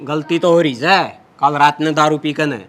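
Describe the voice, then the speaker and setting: A man's voice: on the high side, fairly even intonation, moderate pace, fairly bright tone, lightly acted. A man with a Haryanvi accent playing a cowardly yet boastful village drunkard in a comedy skit, blustering and plaintive. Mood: plaintive, uneasy. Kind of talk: rural comedy skit acting.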